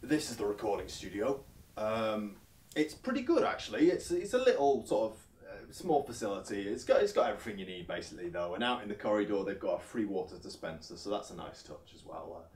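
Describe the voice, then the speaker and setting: A man's voice: on the low side, very animated, a little fast, darkish tone. An actor playing an earnest, clueless male folk singer who rambles and hesitates through a mockumentary interview. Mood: rambling earnest. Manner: rambling, hesitant, full of filler sounds. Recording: roomy, distant sound.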